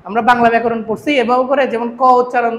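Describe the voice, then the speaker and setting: A math teacher lectures his class, quizzing the students nonstop, his extremely high voice racing along with little change in pitch. Echo fills the room, and a faint hum sits underneath.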